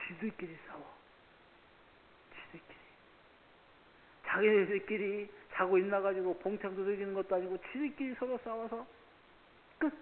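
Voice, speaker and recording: A man preaching a sermon, swinging between loud passionate exhortation and quiet asides, acting out dialogue as he tells stories. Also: medium pitch. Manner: impassioned, swings from shouting to hushed asides; storytelling, acts out dialogue. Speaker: pastor. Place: church sanctuary. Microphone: church CCTV camera audio. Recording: tinny distant CCTV audio with long reverb and hiss.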